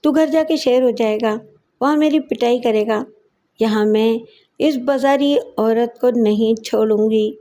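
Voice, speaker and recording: A hot-tempered wife flings taunts and insults in an audio story, voiced by a woman narrator. The voice sits slightly high with a mellow, soft tone. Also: lightly acted. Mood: furious. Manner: shouting, scornful taunts.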